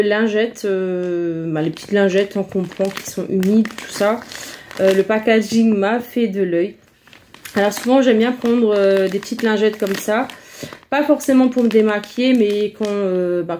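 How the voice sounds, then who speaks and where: Woman rambling thru her haul, lots of euhs, soft mellow voice, little hiss behind. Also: medium pitch. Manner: chatty, hesitant, many fillers. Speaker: vlogger showing a shopping haul. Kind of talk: casual haul vlog chat.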